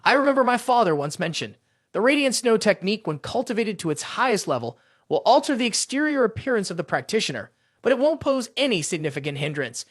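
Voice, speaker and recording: Flustered young female cultivator, stammering, proud, lively high voice, read by a man. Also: quick pace, no room sound, clean studio sound, full character voice.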